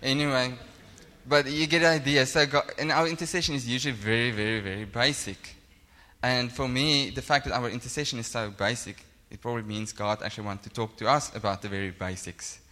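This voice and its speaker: A Namibian pastor whose first language is Afrikaans preaches an informal sermon, plain-spoken, self-deprecating and conversational. His mid-range voice is sharp in tone with fairly even intonation, and he speaks fairly quickly. He is in a large indoor church hall, and the echoey space gives a long reverb.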